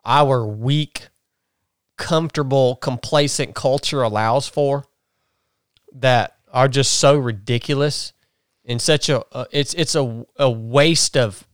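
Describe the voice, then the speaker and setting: A man's voice: mid-range voice, takes it slowly, smooth, dry recording, studio quality. A man hosting a podcast, ranting bluntly and restarting his sentences. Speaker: podcast host. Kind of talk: casual chat.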